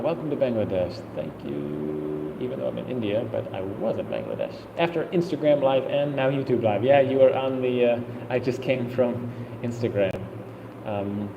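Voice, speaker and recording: A man's voice: on the low side, lively intonation, normal speed, creaky, echoey room, big-room sound, phone-quality sound, noisy background. A man in his thirties, a travel vlogger, casually answering viewer questions on a live stream, rambling and thinking aloud. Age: 30s.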